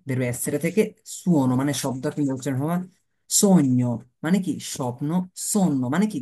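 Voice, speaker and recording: A man's voice: a little high, warm tone. A man teaching a beginner language lesson, asking rhetorical questions and answering them himself, spelling words out letter by letter.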